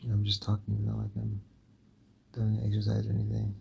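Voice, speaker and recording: A man's voice: fairly low pitch, completely flat delivery, moderate pace, creaky, dark tone, slight background noise. A young man reading fanfiction aloud and chatting between chapters, tired and sore-throated, rambling with lots of fillers. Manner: rambling, full of fillers and restarts. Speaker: fanfiction reader and commentator.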